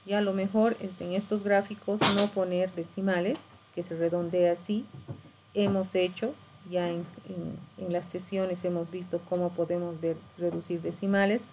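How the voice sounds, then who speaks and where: A woman's voice: fairly low pitch, level tone, normal speed, background noise. A middle-aged woman teacher, explaining patiently and checking in with tag questions. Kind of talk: screen-share tutorial lesson.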